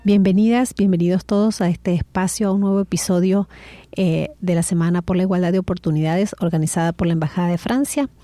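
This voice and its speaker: Measured woman interviewer on radio. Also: fairly low pitch, dark tone, dry recording, soft background music. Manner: measured, with frequent "eh" fillers.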